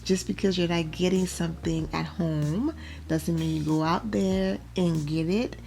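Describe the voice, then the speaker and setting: Woman doing a chatty recap vlog, lowish voice, faint music behind. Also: fairly even intonation, measured pace, creaky, mellow. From Liberia. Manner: chatty, opinionated, laughs often. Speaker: vlog host reviewing a reality show.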